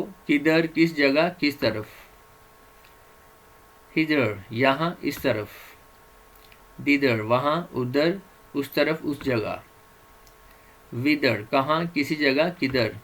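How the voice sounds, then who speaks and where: A man in the role of a vocabulary teacher, working slowly through a list of words on slides. He pauses on each one and gives its meanings, now and then stopping with a short filler or correcting a slip. His voice sits at an ordinary middle pitch. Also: fairly bright tone, poor audio. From Pakistan. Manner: reads word lists slowly with Urdu glosses, small fillers and restarts. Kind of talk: slide-based vocabulary lecture.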